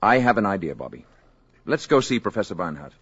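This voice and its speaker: An actor voices a courteous space visitor disguised as an everyday man, sounding soft-spoken, assured and calm, like 1950s radio drama. His low, slightly rough voice has a sing-song lilt, moves a little fast, and is heavily acted.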